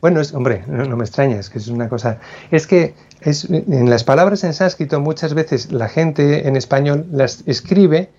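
A man's voice: a little high, moderate pace, a little mellow, husky, highs cut off. A man, a philosophy scholar, explaining ideas as an interview guest, thoughtful and prone to restarts and self-corrections.

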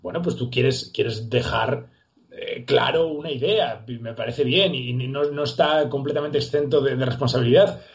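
A man's voice: fairly high pitch, muffled recording. A man speaking as a guest in a casual discussion, emphatic and argumentative. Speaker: podcast guest.

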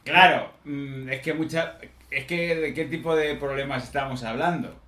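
A man in a casual podcast chat, expressive and quick to laugh. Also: on the high side. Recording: echoey room.

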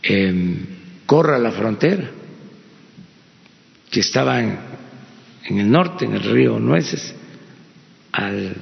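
A man with a Mexican accent, a president answering press questions at a slow, halting pace with long pauses and fillers. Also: lowish voice, expressive, vocal fry. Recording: dull lo-fi sound in a reverberant hall.

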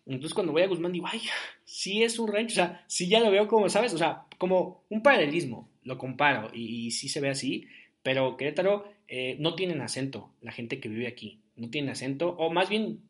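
A man's voice: fairly high pitch, lively intonation, a little fast. Chatty young man podcasting. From Jalisco, Mexico. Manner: rambling, chatty, many fillers. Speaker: podcast host. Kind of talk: casual solo podcast monologue.

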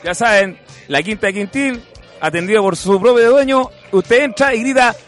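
Chilean male host, high pitch, jokey street-radio chatter, faint music underneath. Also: normal speed. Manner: jokey, excitable, calls goals in bursts. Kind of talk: casual street radio chat with play-by-play commentary.

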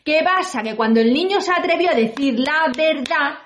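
High-voiced woman telling a children's tale. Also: moderate pace, echoey room. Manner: lively, playful, acts out the characters. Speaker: reporter and storyteller.

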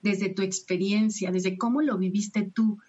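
A woman, a podcast guest explaining sex education in an animated way and laughing often. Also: medium pitch, measured pace, husky. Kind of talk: podcast conversation. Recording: dull lo-fi sound.

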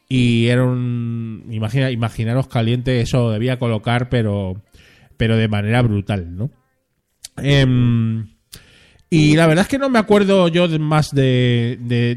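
Male stream host, relaxed and rambling, middle pitch, reads viewer comments and riffs on them. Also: clear, resonant tone. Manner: rambling, chatty, ends phrases with a questioning tag. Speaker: live stream host reading chat. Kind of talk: casual live chat.

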